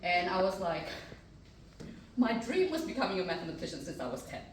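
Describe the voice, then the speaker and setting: On a panel, a middle-aged mathematics professor with an Indonesian accent talks through her story briskly, earnest and chatty and filling it with ums and uhs. Her somewhat low voice swings widely in pitch. She's recorded far from the mic in a very reverberant room, with faint noise behind.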